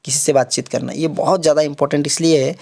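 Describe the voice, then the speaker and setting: His voice is a little high, gravelly and slightly mellow, steady in tone and fast. The young online tutor preps students for exams casually, mixing English terms into Hindi and repeating "theek hai" often.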